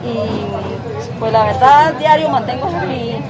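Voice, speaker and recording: A woman's voice: a little high, takes it slowly, a crowd in the background. A woman, a fruit vendor, speaking hesitantly and repeating words in a documentary interview. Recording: noisy crowded street.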